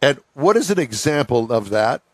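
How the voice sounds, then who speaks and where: Jovial radio host, dry studio sound. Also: male voice, mid-range voice, very animated, normal speed, dry recording. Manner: jovial, laughs often. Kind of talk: radio talk show.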